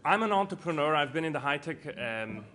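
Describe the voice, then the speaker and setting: Brisk, expressive and fairly bright, the high-leaning voice of a middle-aged Swiss man fills an indoor conference panel. An entrepreneur and foundation co-founder, he speaks informally but emphatically, asking rhetorical questions and repeating himself for emphasis, with clear background noise from the live room.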